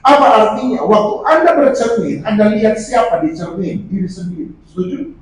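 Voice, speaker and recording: A man preaching a sermon as a pastor, animated, often raising his voice to a shout for emphasis and acting out the voices he quotes. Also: sits high, brisk. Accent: Indonesian. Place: church prayer meeting hall. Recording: distant, very echoey hall with faint noise.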